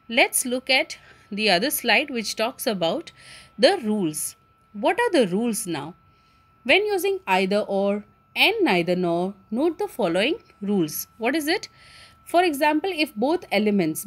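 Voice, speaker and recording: A woman with an Indian English accent teaching a school grammar lesson. Her voice sits a little high and swings widely in pitch as she explains step by step. She keeps asking questions and answering them herself.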